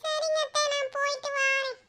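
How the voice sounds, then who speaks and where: Cartoon schoolboy, voiced by an actor, very high-pitched, anxious, muttering. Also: flat delivery, moderate pace, pushed and bright. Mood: bluffing. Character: anxious schoolboy fretting over exam results. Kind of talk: cartoon voice acting.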